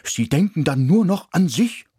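A man's voice: on the high side, big pitch swings, normal speed, mellow, husky, no room sound, studio quality, voice pushed up, exaggerated voice. A man voicing a male dog who speaks earnestly and insistently. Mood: urgent.

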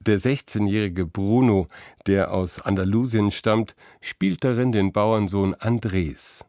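Guy reading a news report voice-over, steady, dry close sound. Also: fairly low pitch, a little slow, no echo. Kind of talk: scripted report narration.

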